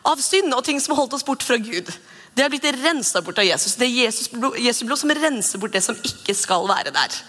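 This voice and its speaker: A woman in her thirties giving a casual, expressive devotional talk as a podcast host. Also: fairly high pitch, husky, long reverb tail. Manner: chatty and expressive, acts out quoted voices.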